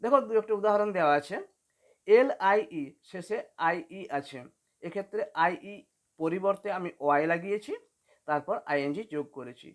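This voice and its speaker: A woman gives a beginner's English spelling lesson, walking through each rule slowly. She spells words out letter by letter in a patient, explanatory way. Her voice sits at a middle pitch. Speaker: English teacher.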